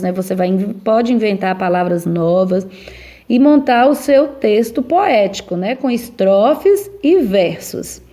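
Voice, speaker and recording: A woman's voice: mid-range voice, dark tone. A woman teacher giving class instructions in an encouraging way, often checking in with tag questions.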